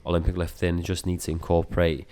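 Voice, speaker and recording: Low-pitched and warm, this coach's voice is completely flat and quick as he rambles through a casual interview full of filler words. He says w for r, unable to pronounce his R's.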